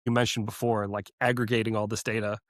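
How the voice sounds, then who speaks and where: A man's voice: lowish voice, level tone, fast, dry recording, studio quality. A man hosting a podcast interview who speaks in an enthusiastic, appreciative way. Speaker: podcast host.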